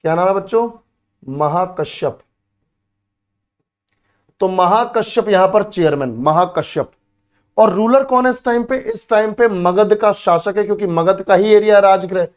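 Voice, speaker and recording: A high-voiced man speaking at normal speed runs an exam-prep history lesson at a board. He drills students by repeating key words, calls them beta and bhai, and answers the questions he asks.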